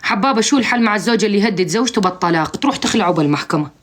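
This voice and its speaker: A woman's voice: mid-range voice, expressive, very fast. A woman hosting a live stream, giving comic advice in a blunt, teasing, joking-scolding way over a phone mic.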